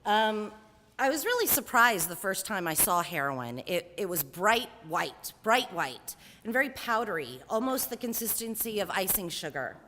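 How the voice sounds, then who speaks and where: A woman's voice: mid-range voice, very animated, normal speed, bright, forceful tone, long reverb tail, slight background noise. A woman in her forties telling a candid, wryly humorous personal story on stage.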